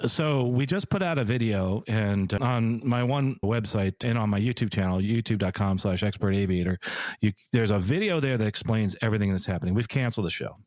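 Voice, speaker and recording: A man who is an airline pilot, telling stories as a podcast guest in a lively, laughing manner. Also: lowish voice, a little fast, no room sound. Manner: animated anecdote-telling, laughs easily. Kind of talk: casual storytelling interview.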